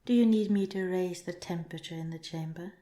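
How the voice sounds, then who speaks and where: A woman speaks on the low side, in a natural voice, voicing a calm and inquisitive alien researcher for an ASMR roleplay. She talks softly, partly in whispers, using formal, measured, clinical wording. The recording is roomy, with an echo on her voice and slight background noise.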